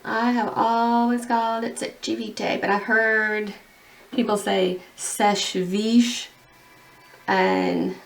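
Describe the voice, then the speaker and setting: A woman's voice: fairly high pitch, level tone, takes it slowly, creaky. A young woman chatting casually as a beauty vlogger while painting her nails, rambling along with lots of fillers.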